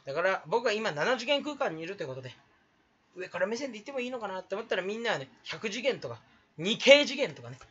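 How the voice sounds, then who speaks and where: A man's voice: high-pitched, big pitch swings, quick pace, fairly bright tone, lo-fi sound. A young man rambling through a solo vlog, joking about himself and putting on a fake Kansai dialect. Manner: jokey, self-mocking, rambling. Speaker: YouTuber.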